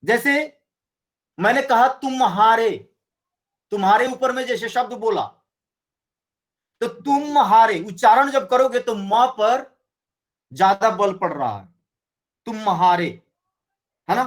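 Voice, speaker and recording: A man teaching a Hindi grammar lesson, explaining slowly and often checking with his students. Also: sits high, lively intonation. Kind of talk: classroom lecture.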